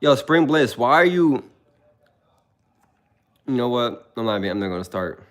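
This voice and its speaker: A man's voice: mid-range voice, normal speed. A young man chatting casually on a livestream, telling stories with animation and reading viewers' comments aloud. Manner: animated storytelling, reads chat aloud.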